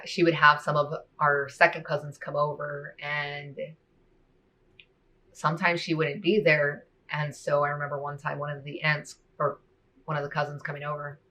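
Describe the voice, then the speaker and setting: A woman sharing a personal faith testimony in a soft-spoken, reflective way, often saying "you know" and "like.". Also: deep voice, dull audio.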